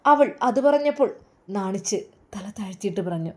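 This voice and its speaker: A woman's voice: mid-range voice, animated, normal speed. A woman narrating a romantic wedding story with feeling and lingering phrasing, speaking with a Malabar Malayalam accent.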